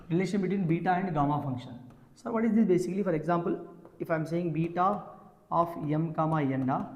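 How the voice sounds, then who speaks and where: A man's voice: fairly high pitch, a little mellow. A man with a Telugu accent teaching an exam maths lesson step by step, often checking with the class through short questions. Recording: echoey, reverberant room.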